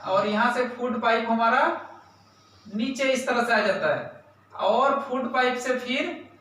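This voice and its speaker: A man with a very high-pitched, slightly bright voice teaches science slowly, asking his pupils questions, repeating key terms and frequently saying "right?". He's captured indoors in the classroom by a far-off camera, with heavy echo.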